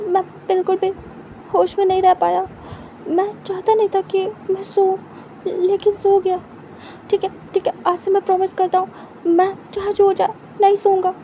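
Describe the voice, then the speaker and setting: A woman's voice: very high-pitched, mellow, a little hiss or hum, pitched above the performer's own voice. A woman voicing a young man in a spoken story, an anxious lover who pleads and stammers.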